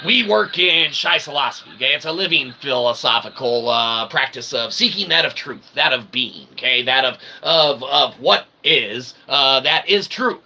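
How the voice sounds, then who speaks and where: A man hosts an improvised livestream, rambling to viewers in wordy, mock-formal, roundabout phrasing that he keeps tagging with "okay" and "right," plus theatrical, playful asides. His mid-range voice is bright, forceful and expressive, moving at a normal speed with few pauses. There's a little hiss or hum on the recording.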